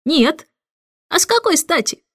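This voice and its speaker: A woman's voice: very high voice, sing-song, measured pace, no echo, clean studio sound, voice pushed up, exaggerated voice. A woman voicing a cheeky, carefree male idler who becomes a jester.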